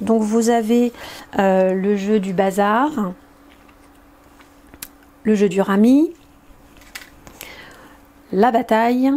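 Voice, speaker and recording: Mellow-voiced woman demoing a card game. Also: a little high. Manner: hesitant, explanatory, many filler pauses. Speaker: presenter of an educational game. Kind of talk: hands-on game demonstration.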